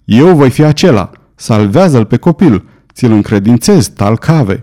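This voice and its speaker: A stubborn, anxious lord from an adventure audiobook, pressing his point in insistent bursts, which a man acts out. His voice is mellow and dark in tone. He speaks with noble resolve. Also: mid-range voice, expressive, lightly acted. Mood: urgent. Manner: urgent, insistent exclamations. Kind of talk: audiobook character voice.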